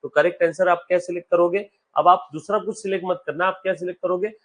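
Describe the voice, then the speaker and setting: Male commerce teacher, high voice, live classroom, quizzes students often. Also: steady tone, fairly bright tone. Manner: quizzes students, calls them beta; reads English text slowly, explains in Hindi. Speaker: accountancy teacher.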